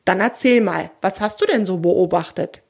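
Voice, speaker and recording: A woman's voice: medium pitch, moderate pace, gravelly, husky. A woman voicing a proud, friendly female wild boar in a children's audio story, speaking with dignity and easy indignation. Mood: indignant.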